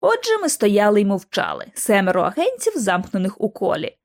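A woman reading an audiobook narration in an expressive, dramatic manner. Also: mid-range voice, a little fast, vocal fry. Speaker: audiobook reader.

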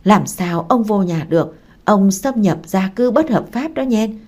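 A woman's voice: medium pitch, lively intonation, unhurried, a little mellow. A woman voicing a fierce, defiant young wife who scolds sharply. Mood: angry.

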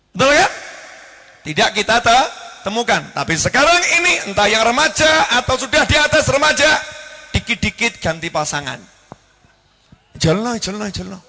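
A man preaching a sermon, animated, repeating words and asking the audience questions. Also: high voice, creaky, big-room sound.

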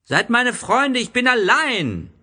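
A small, innocent boy prince from a storybook, played by a man, pitched far up and lively. He sounds earnest, polite and full of curiosity. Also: slow pace, heavily acted. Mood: lonely.

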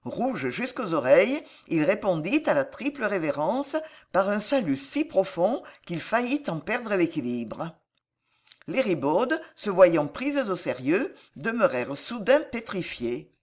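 A woman narrating a historical novel as an audiobook reader, in measured, expressive storytelling. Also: mid-range voice.

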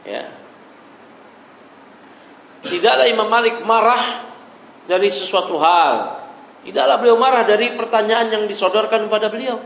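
A man's voice: high voice, normal speed, creaky, long pauses, a bit bright, a little hiss or hum. A male religious teacher giving a classroom lecture, reading a line from a text and then explaining it, checking in with his listeners as he goes. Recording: dull lo-fi recording in an echoey hall.

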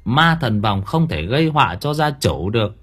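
Guy doing a bossy old ritual lady in a storybook, pitch jumps up when she warns you. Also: big pitch swings, normal speed, fairly bright tone. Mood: stern. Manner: authoritative, advising. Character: elderly village woman ritual master, stern and knowing.

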